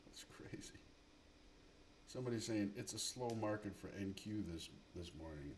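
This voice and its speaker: A man with a low voice talks to himself and his viewers in a loose, profane running commentary while he trades. His tone is offhand and muttering. A faint hiss sits under the desk microphone. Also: animated, brisk. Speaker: livestream day trader. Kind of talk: live market commentary.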